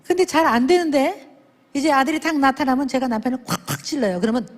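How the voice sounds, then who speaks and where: A woman speaking at a church service, telling lively stories and acting out the people in them with big swings in her voice. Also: fast. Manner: animated, acts out dialogue with big pitch swings. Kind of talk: lively sermon storytelling with acted quotes. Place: church sanctuary. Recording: long reverb of a church hall.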